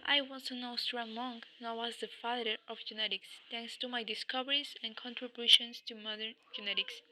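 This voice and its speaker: A woman's voice: on the high side, sharp tone, a little hiss or hum, low-quality recording. A woman giving a read-aloud school report in the first person as a historical scientist, stumbling and correcting herself as she goes. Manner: reads from a script with stumbles and self-corrections. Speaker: student presenter speaking as a historical scientist.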